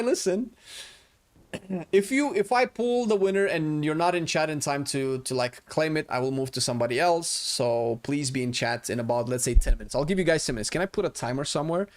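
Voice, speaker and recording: Casual, chatty male game streamer. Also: medium pitch. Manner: informal, swearing, chatty. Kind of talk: casual live-stream chat while gaming. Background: faint game music.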